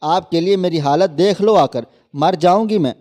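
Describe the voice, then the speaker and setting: Guy doing a heartbroken young wife begging, soft mellow tone, story read. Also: high voice, in a large hall, natural voice. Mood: pleading. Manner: pleading, emotional. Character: young wife, desperate and pleading. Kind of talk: storybook narration.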